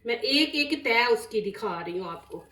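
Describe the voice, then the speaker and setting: A cooking channel host gives a chatty, step-by-step lesson, often saying "see this." Her voice is a touch high and strained from a sore, dry throat, with lively intonation, normal speed, and a bright, forceful tone. She stands back from the mic, so she sounds distant in the echoey kitchen.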